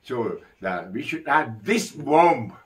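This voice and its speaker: A man preaching a sermon as a priest, emphatic and animated, with many fillers. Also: medium pitch, takes it slowly, recorded from a distance, poor audio.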